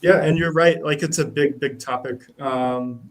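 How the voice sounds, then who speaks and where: A man, a guest software engineer, explaining a technical subject in a casual, relaxed way with frequent um fillers. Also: a little high, moderate pace.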